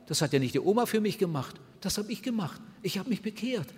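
Older male preacher, earnest sermon, fairly high husky voice, long reverb of a hall. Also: expressive, quick pace, darkish tone. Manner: earnest, addresses new converts directly, voices quoted prayers.

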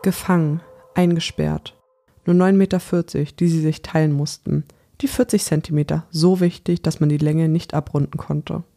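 A narrator reading a thriller novel aloud in a measured, tense audiobook style. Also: mid-range voice, fairly even intonation, dark tone. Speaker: audiobook reader.

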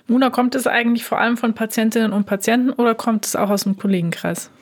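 A woman hosting a podcast as a health journalist, friendly and quick to laugh. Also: on the high side, steady tone. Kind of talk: podcast interview.

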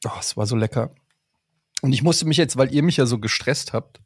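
A man's voice: mid-range voice, fairly quick, husky, no echo, studio quality. A man co-hosting a casual podcast, playful and self-mocking, who drifts into jokes. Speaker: podcast co-host. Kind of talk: casual chat.

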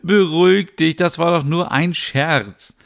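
A teasing young pregnant woman, as a man puts her on in a podcast soap opera. The voice is lifted clearly higher than his own, with a touch of gravel still underneath. Her delivery is light and playful. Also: unhurried, fairly bright tone.

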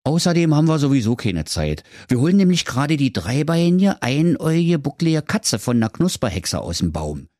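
A man voicing busy firemen who brush things off in a hurried, offhand way. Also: fairly high pitch, big pitch swings, mellow, dry recording, studio quality, pitched above the performer's own voice. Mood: dismissive.

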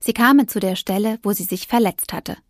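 A woman narrating a children's story in an expressive storytelling manner. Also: medium pitch, brisk, no echo, clean studio sound. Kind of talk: audiobook narration.

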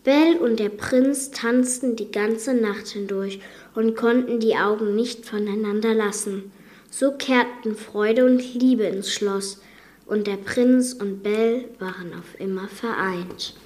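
A woman reading a fairy tale aloud in a calm, measured way as podcast host. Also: medium pitch. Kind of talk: slow fairy-tale narration.

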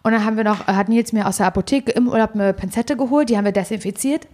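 A woman's voice: medium pitch, fast talker. A young woman co-hosting a podcast, telling a story in casual chat and acting out the dialogue. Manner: animated storytelling, acts out quoted dialogue. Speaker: podcast co-host.

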